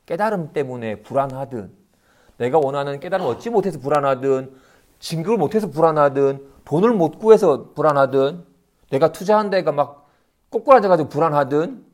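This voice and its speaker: A middle-aged man gives a Buddhist dharma lecture in a fairly high voice. He talks in a conversational way and often checks in with his listeners. He jumps up in pitch to act out the people he quotes. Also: expressive, fairly quick, a little mellow. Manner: conversational, often adds tag questions.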